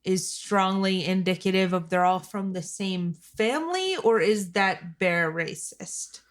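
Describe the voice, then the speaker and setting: A woman with a medium-pitched voice chats casually as a player in a tabletop role-playing game. Her talk is informal and conversational, as among people at a table. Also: measured pace.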